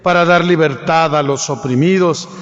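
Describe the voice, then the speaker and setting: A man, a priest, proclaiming the Gospel at Mass in a formal, measured way, his voice ringing with cathedral echo. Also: fairly high pitch. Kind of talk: liturgical Gospel reading at Mass. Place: large church. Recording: long church reverb, dull lo-fi sound.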